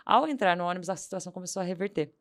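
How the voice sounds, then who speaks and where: Fast-talking woman with a gravelly edge. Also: on the low side. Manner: animated anecdote-telling, acting out quoted dialogue. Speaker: podcast guest. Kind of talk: storytelling in casual interview.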